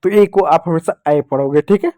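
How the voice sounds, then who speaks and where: A man's voice: fairly high pitch, normal speed, mellow, no room sound. A young man teaching children English phonics, asking questions and answering them himself and repeating key points. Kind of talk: classroom-style phonics lesson.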